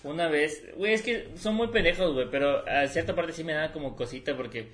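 A man's voice: fairly high pitch, fairly quick, a little hiss or hum. A young man with a Mexican accent, chatting in a slangy, laid-back way on a podcast. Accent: Mexican Spanish. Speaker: podcast co-host. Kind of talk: casual chat.

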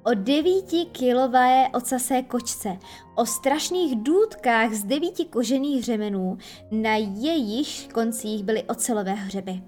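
A woman narrating an audiobook with lively, expressive storytelling. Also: on the high side, soft background music. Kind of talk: audiobook reading.

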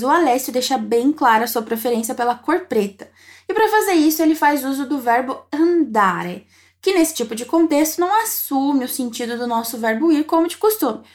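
A woman teaching Italian phrases, encouraging the listener and saying model sentences slowly to be repeated. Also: high voice, lively intonation. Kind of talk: language lesson narration.

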